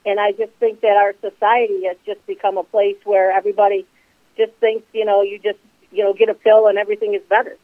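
This sixty-something woman, a guest who co-founded a CBD company, talks quickly and flatly in a mid-range voice with no echo, heard through a dry, tinny phone line. The casual interview finds her earnest yet rambling, peppered with fillers.

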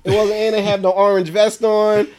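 A podcast co-host with a high, bright-edged male voice chats casually at a normal speed. He uses loose slang, keeps bursting into laughter, and tells his stories in an animated, loose way.

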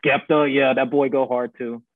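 A man's voice: medium pitch, little pitch movement, normal speed, no echo. A man from Guyana co-hosting a podcast, chatting casually with a laid-back, agreeable manner and plenty of slang. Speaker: podcast co-host. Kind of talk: casual chat. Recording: dry, phone-like lo-fi sound.

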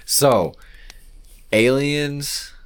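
A man's voice: medium pitch, drawn-out words, clean tone. A man co-hosting a casual podcast chat in a jokey, easygoing conversational way. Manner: jokey, laughs often. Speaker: podcast co-host.

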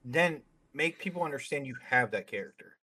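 A man's voice: medium pitch, animated, fairly quick, pushed and bright, a little hiss or hum. A man being interviewed as a streamer, talking bluntly with lots of swearing and fillers. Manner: outspoken, opinionated. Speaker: streamer guest. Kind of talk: casual interview chat.

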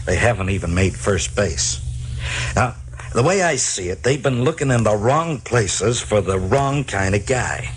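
An earnest, methodical police lieutenant in an old radio crime drama. The voice is fairly low, with some noise on the recording. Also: male voice, expressive, unhurried. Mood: businesslike.

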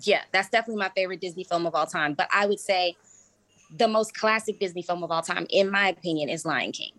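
A woman's voice: fairly low pitch, quick pace, no room sound. Bubbly woman chatting in a dry room. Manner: bubbly, laughing, animated asides. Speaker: interview guest, cabaret singer. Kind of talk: casual interview chat.

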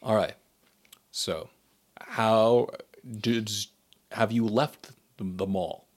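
A man's voice: lowish voice, very slow. A man playing a tabletop game, asking questions and restarting his sentences. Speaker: player. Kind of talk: casual tabletop game chat.

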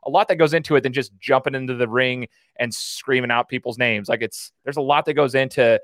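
A man's voice: mid-range voice, steady tone, brisk, fairly bright tone, no echo, studio quality. A man hosting a casual interview podcast, chatting in an enthusiastic, rambling way. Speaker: podcast host.

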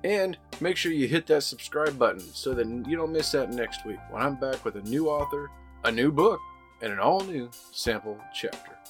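A man's voice: mid-range voice, lively intonation, normal speed. Give me an upbeat man hosting a podcast with guitar music under him. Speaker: podcast host. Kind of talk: podcast outro.

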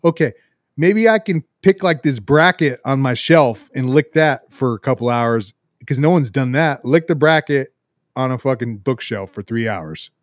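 A man's voice: medium pitch, moderate pace, dry recording, studio quality. A man co-hosting a podcast, chatting casually in crude slang with frequent swearing. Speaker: podcast co-host.

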